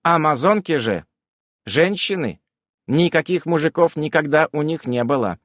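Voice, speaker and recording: A man's voice: a little high, lively intonation, fairly bright tone, no room sound, studio quality, voice pushed up. A man doing a fussy chattering footnote voice. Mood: eager. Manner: rattling quick patter, eager to help.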